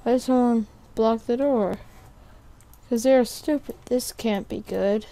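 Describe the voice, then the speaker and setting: A young woman commenting on a horror game as she plays, jumpy and sarcastic, thinking out loud. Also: on the high side, unhurried. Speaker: gamer playing a horror game. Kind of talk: let's play commentary.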